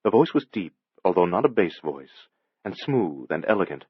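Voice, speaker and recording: A man giving a measured, dramatic scripted audiobook narration. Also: deep voice, sing-song, slightly rough, dry recording, dull audio.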